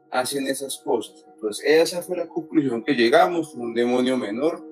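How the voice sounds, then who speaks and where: A man with a Colombian accent recounts a personal experience for a radio audience, in an earnest, unpolished way. His voice sits at a middle pitch, and he often restarts and repeats phrases. Faint music plays beneath him. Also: rough recording. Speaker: guest telling a true story. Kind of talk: radio storytelling, personal paranormal account.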